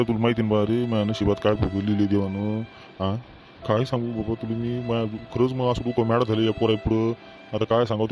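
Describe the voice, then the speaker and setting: A man's voice: lowish voice, dark tone, natural voice. A man with a Varhadi Marathi accent playing a weary old farmer father who grumbles and laments about his quarreling sons in a village comedy skit.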